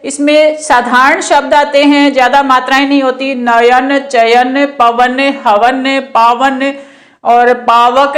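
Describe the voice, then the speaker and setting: Middle-aged woman teacher, high voice, unhurried, patient, repeats sounds for students. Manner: slow, patient, repeats syllables for pupils. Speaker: Hindi grammar teacher. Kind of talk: classroom grammar lesson.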